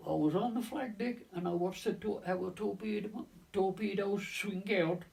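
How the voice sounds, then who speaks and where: A man in his nineties, a navy veteran recounting his wartime service in an oral-history reminiscence, halting and full of restarts and repeated words. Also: sits high, gravelly, a little mellow. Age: 90s. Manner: leans on stock phrases like "of course" and "lo and behold". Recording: voice distant from the mic.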